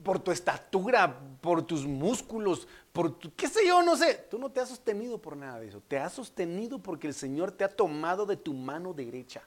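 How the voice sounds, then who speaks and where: A young Guatemalan pastor preaching in a high, bright-sitting voice. He swings from loud, fervent outbursts down to soft, intimate pleading with his listeners. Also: expressive, brisk, few pauses. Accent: Guatemalan Spanish. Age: young adult. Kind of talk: preaching sermon.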